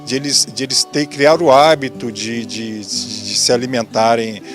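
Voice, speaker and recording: A man's voice: mid-range voice, steady tone, normal speed, over loud music. A man, a school science teacher talking in an interview, hesitant and repeating words as he goes. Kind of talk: interview soundbite.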